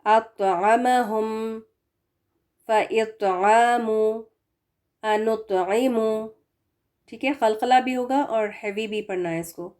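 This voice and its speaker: A woman teaching Quran recitation, explaining each letter slowly, sounding out syllables and drawing out example words. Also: fairly high pitch, darkish tone. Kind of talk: spoken lesson on letter pronunciation.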